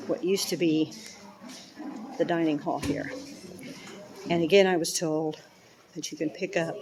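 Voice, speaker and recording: A woman's voice: lowish voice, distant mic. A woman from Kentucky with a Kentucky accent, guiding a tour and explaining in a conversational way inside a large empty historic building. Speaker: tour guide. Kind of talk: on-site tour narration. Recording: roomy echoing hall.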